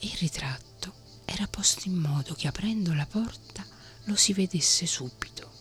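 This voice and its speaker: A woman reading a bedtime fairy tale in a soft whispered role-play. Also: fairly low pitch, lively intonation, normal speed, faint music behind. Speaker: bedtime storyteller.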